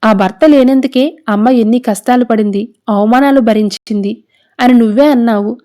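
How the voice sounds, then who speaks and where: A woman's voice: on the high side, normal speed, dark tone, lightly acted. A woman reading as a firm young heroine. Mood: reproachful. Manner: firm, reproachful. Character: defiant young woman scolding her family. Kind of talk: serial recap narration.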